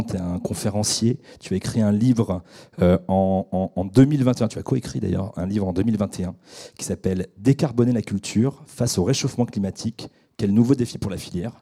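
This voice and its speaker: Low, dark-voiced man hosting a radio show. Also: breathy edge. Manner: halting, many fillers and restarts. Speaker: radio debate host. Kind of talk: hesitant unscripted introduction. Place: radio studio.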